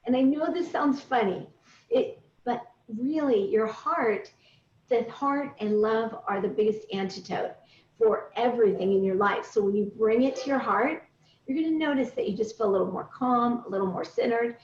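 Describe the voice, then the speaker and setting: Coaching a group at a moderate pace, a middle-aged woman with a higher-pitched voice instructs them point by point. The session is a recorded indoor group video call, and the sound is distant, roomy and dull.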